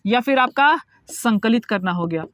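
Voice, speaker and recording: A man's voice: very high voice, expressive, moderate pace, a bit bright. A man teaching a lecture, explaining step by step, repeating key words and asking his students questions. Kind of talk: classroom lecture.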